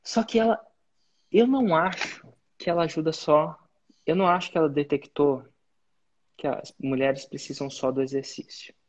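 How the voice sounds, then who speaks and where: Hosting a live coaching session, a business mentor offers students direct, instructive guidance built around sports-belt metaphors. His voice sits on the high side at normal speed, and the audio sounds dull.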